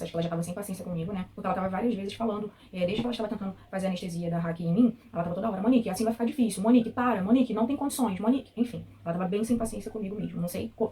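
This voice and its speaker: Fast-talking woman recounting her birth. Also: mid-range voice, fairly even intonation, dark tone. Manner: fast, tearful and indignant, quotes staff. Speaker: mother telling her birth story. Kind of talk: emotional personal account.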